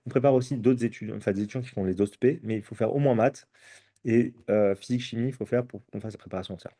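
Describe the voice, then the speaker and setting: A man's voice: medium pitch, fast talker, mellow. A tired man giving an informational talk to students as a prep course presenter. He explains at length with frequent hesitations and keeps checking in with his listeners.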